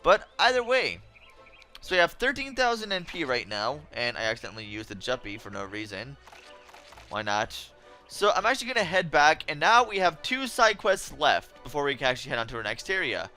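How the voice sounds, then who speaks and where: A man's voice: fairly high pitch, very animated, fairly quick, bright, forceful tone, faint music behind. A man giving casual, chatty game commentary as a let's play host, wry and easily annoyed.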